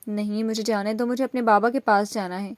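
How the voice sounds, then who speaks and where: A woman's voice: medium pitch, steady tone, no echo, natural voice. A woman voicing a frightened, tearful young woman who pleads to be let go, in a storybook reading. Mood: pleading tearful. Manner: pleading, sobbing.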